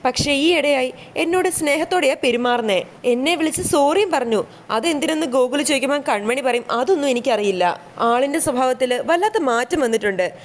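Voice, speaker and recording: Woman recapping a TV serial, high voice, steady storytelling. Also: fairly quick. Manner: steady storytelling in present tense.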